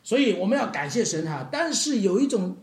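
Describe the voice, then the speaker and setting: Male preacher, sermon, high voice, very lively delivery, roomy church hall echo. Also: a little fast, gravelly. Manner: animated, acts out quotes, addresses the congregation directly.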